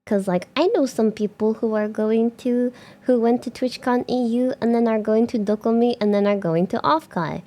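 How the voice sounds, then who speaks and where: This young woman streamer has a fairly high pitch and talks at normal speed. She chats casually to viewers, rambling with fillers, restarting, and getting bubbly and excited in bursts.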